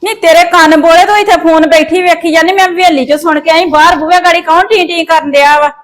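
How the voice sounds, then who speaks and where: A woman playing a long-suffering, sharp-tongued older village mother in a family drama, grumbling. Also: high-pitched, fast, close to an everyday voice. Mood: irritated scolding. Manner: complaining, grumbling. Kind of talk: acted family drama dialogue.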